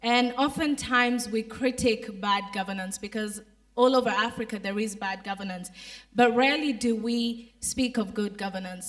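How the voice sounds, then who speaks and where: A young woman moderating a university panel discussion with a poised, rhetorical delivery. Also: mid-range voice. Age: young adult. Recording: voice picked up from a distance.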